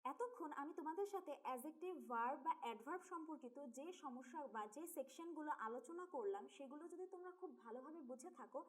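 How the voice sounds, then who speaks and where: A young woman with a high, light voice teaches English grammar in a Bangladeshi Bengali accent. She explains each point step by step and talks straight to her students. She drops English grammar terms into her Bengali as she goes. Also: lively intonation, fairly quick, few pauses. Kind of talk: explanatory online lesson.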